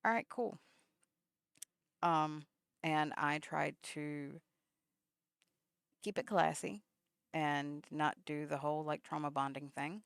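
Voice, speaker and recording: Gravelly-voiced woman rambling through a vlog story. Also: sits low, steady tone, slow, long pauses, no room sound, studio quality. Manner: rambling, many fillers, acts out remembered texts. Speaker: vlogger.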